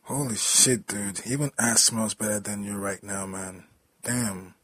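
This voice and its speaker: A man's voice: lowish voice, steady tone, a little slow, a bit bright, breathy edge. A man reading the lines of a young adult male co-worker who talks in casual street slang. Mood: disgusted.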